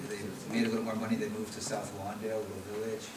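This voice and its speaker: A man's voice: lowish voice, little pitch movement, racing, over a noisy crowd. Middle-aged man, echoey room from far off. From Chicago area, US. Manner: conversational, frequent restarts and repeated words. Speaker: policy researcher giving a talk. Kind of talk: conference presentation with slides. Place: meeting room at a conference.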